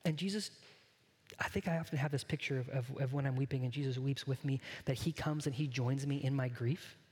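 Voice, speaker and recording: A man's voice: medium pitch, fairly quick, a little mellow, big-room sound. A man pastor giving a sermon, earnest and conversational, often turning to speak straight to his congregation. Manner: conversational, earnest preaching that addresses the congregation directly.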